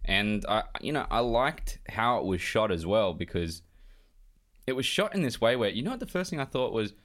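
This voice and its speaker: A man's voice: lowish voice, big pitch swings, moderate pace, fairly bright tone. A man co-hosting a casual film review podcast, rambling and laughing a lot. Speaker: podcast co-host.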